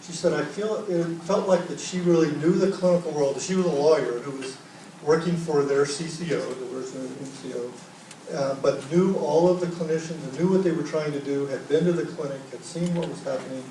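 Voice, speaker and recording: A mellow, slightly high-voiced man speaks fairly quickly while running an open group discussion at a workshop, often restarting what he's saying. A room mic at a distance records him in an echoey conference room, with some faint noise.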